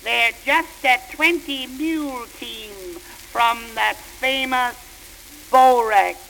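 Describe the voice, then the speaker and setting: A woman's voice: high-pitched, takes it slowly, gravelly, a little hiss or hum, heavily acted, rough recording. A woman doing a rowdy boy baseball fan. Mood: grumbling. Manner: old-time slangy dialect, shouting at the field. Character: rowdy young male baseball fan, excitable. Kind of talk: comic poem recitation.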